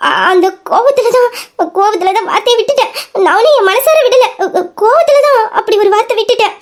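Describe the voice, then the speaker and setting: A woman's voice: very high voice, a little fast. A woman voicing a young wife in an audio drama, pleading with her angry husband and then taunting him. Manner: pleading, defiant. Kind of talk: Tamil audio drama acting.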